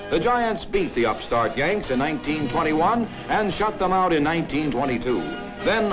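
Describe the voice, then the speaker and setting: Old newsreel announcer, man, lively pitch. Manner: brisk, emphatic announcer delivery. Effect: old newsreel soundtrack. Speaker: newsreel narrator. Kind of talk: scripted newsreel narration. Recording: dull lo-fi film soundtrack with music.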